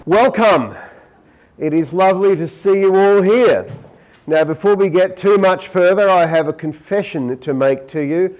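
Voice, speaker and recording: A man's voice: high voice, measured pace, a little mellow, low-quality recording. A middle-aged Australian man presenting a conference talk, chatty and joking with asides to the audience.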